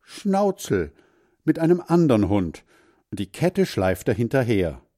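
Male storybook narrator, unhurried, lively intonation. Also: mid-range voice, dry recording, studio quality. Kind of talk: reading a children's story aloud.

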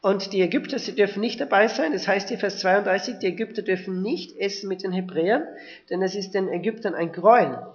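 High-voiced man reading and explaining scripture. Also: brisk. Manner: reads scripture aloud and comments in between, with restarts. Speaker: preacher. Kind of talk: Bible reading with commentary. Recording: dull lo-fi recording.

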